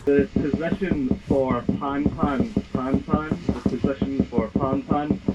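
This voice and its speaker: A man's voice: medium pitch, steady tone, takes it slowly, muffled recording, heavy background noise. A man speaking over a marine VHF radio from another vessel, using formal radio procedure to relay a distress position. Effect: marine VHF radio transmission.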